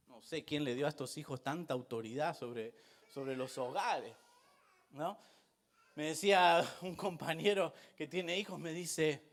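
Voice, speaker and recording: A pastor, preaching a sermon in church in an animated, emphatic way that rises to shouting. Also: male voice, on the high side.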